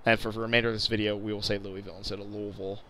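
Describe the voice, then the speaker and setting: Chatty man with a bright, lowish voice. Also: monotone, rapid-fire, a little hiss or hum. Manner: chatty, self-correcting, jokey asides. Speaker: channel host. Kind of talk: casual commentary over flight-sim gameplay.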